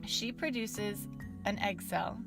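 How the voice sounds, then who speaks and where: A young adult woman presenting casual educational science outdoors in a bright, curious, enthusiastic and chatty manner. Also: mid-range voice, slow, creaky, music in the background. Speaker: science show host. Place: outdoors in a backyard.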